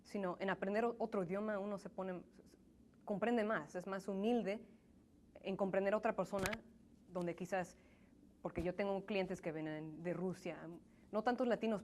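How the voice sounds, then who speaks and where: A young woman raised in the United States in a Mexican family, with English as her first language, answers questions in a conversational interview. She's earnest and thoughtful, often restarting sentences. Her medium-pitched voice is a little mellow at normal speed, with slight background noise.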